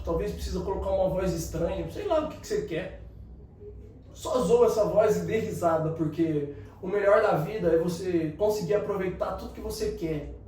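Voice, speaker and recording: A man with a fairly high voice gives an emphatic motivational talk, coaching the listener directly. He is recorded from a distance in a very echoey room with faint ambience behind him. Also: a little mellow, a little hiss or hum. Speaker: motivational speaker.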